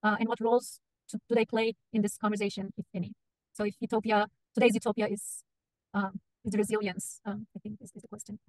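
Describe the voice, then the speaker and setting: A woman's voice: mid-range voice, level tone, fast, no echo, poor audio. Hesitant woman reading out a question. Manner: hesitant, many uhs. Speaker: moderator reading chat questions. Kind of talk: reading a question on a video call.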